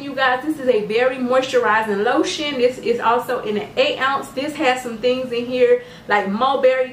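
A bubbly woman with a fairly high voice and a lilt chats casually in a home vlog. She sounds a little off-mic, and her voice rings around an echoey room. A faint ambient hum sits underneath. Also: distant mic. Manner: bubbly, excitable, addresses viewers as "you guys". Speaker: skincare business owner and vlogger. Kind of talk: casual product showcase vlog.

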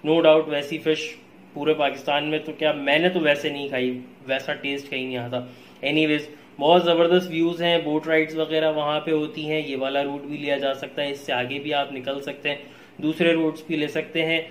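A man's voice: a little high, level tone, moderate pace. A man with a Pakistani Urdu accent, talking casually in a travel vlog, easygoing and dropping English phrases with frequent uh fillers. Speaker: travel vlogger. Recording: echoey room with faint background noise.

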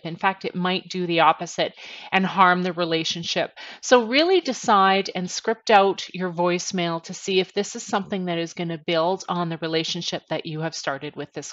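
In a small attic bedroom, a sales trainer in her forties presents tips to the camera, stressing each point step by step. Her voice sits on the low side and is slightly bright. The headset recording sounds dull and lo-fi.

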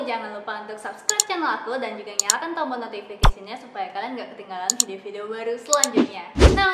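Excited young Indonesian woman, echoey and noisy. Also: on the high side. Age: 20s. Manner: excited, gushing, mixes in English phrases. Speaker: beauty vlogger. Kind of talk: upbeat giveaway announcement to camera. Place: small indoor studio with plain backdrop. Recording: echoey hall-like room with loud noise.

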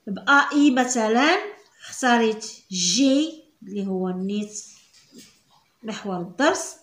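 A woman's voice: fairly high pitch, fairly bright tone. A woman with a Moroccan Arabic accent teaching French reading, drawing out syllables and patiently repeating sounds. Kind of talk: slow spelled-out reading lesson. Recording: echoey room.

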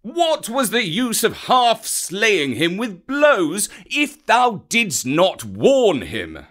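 A man's voice: sits high, huge pitch swings, drawn-out words, fairly bright tone, voice pushed up, exaggerated voice. A man voicing a fierce male panther who scolds his friend in a stern, commanding way. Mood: scornful.

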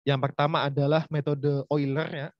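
A man's voice: a little high, little pitch movement, normal speed, no echo. A man teaching a university lecture online, chatty and speaking straight to his students. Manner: chatty, addresses students directly. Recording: dull, lo-fi.

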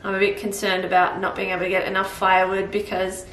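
A woman in her thirties with an Australian accent talks fast and monotone while cooking, her medium-pitched voice a bit bright. It's a rambling, casual cook-along vlog where she thinks aloud with fillers. Recorded distantly on a camera mic a few feet off, the audio has roomy kitchen echo and a little hiss or hum.

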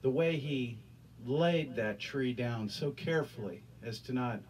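Speaking into a handheld microphone on his small church's curtained stage, a middle-aged pastor earnestly preaches and prays, repeating his words often. His medium-pitched voice has a darkish tone and a measured pace, and it's recorded from a distance.

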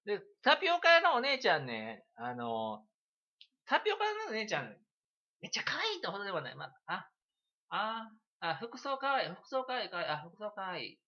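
A man with a Kansai accent, chatting and telling a story on a livestream in an animated, giggly way. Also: high-pitched, brisk, dull audio. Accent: Kansai Japanese. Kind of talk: casual rambling storytelling.

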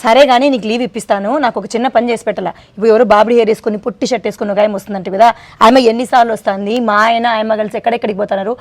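Woman playing a sharp, quick-tempered wife, high and rapid. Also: steady tone. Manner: fast, scolding, quick-tempered. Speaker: suspicious wife in a comedy skit. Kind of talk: comic sketch acting.

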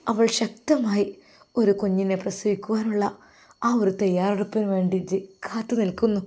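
Mellow-voiced woman storyteller. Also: medium pitch. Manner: earnest, emotional storytelling with devout exclamations. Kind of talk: dramatic story narration.

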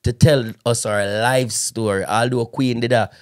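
A man's voice: medium pitch, fairly even intonation, measured pace. Jamaican guy hosting a podcast, playful, lots of patois, chill chat. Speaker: podcast host.

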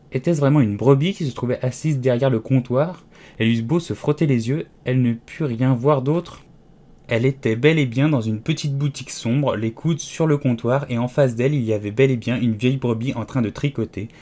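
Man narrating a storybook. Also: mid-range voice. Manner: measured, expressive storytelling. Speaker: audiobook reader. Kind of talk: scripted audiobook narration.

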